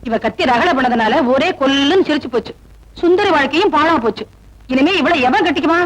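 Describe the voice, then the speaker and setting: A woman's voice: high-pitched, brisk, natural voice, rough recording. A woman playing a scheming, scolding mother. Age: middle-aged. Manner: harsh, scolding. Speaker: mother-in-law. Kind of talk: 1980s Tamil film acting. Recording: film soundtrack with music behind.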